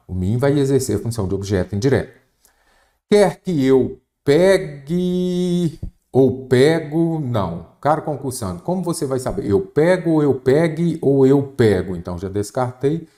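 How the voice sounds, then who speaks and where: A man's voice: fairly low pitch, warm tone. A man with a Brazilian Portuguese accent teaching an exam-prep grammar lesson, explaining patiently and checking in often with his students.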